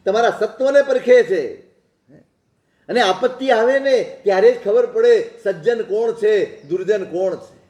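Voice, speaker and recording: A man's voice: sits high, darkish tone. A man preaching a sermon, telling stories and asking rhetorical questions. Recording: echoey hall.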